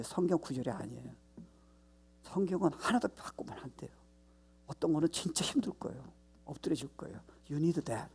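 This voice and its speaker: A male pastor preaching a sermon, stressing points loudly, then dropping to low asides, with English phrases mixed into his talk. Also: gravelly, husky. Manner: emphatic, mixes English phrases into his Korean; swings between loud stress and low, soft asides.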